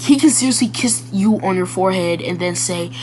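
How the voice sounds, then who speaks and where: A woman's voice: mid-range voice, fairly quick, darkish tone, slight background noise. A woman hosting a reaction video in casual, blunt and crude commentary, rambling with lots of fillers.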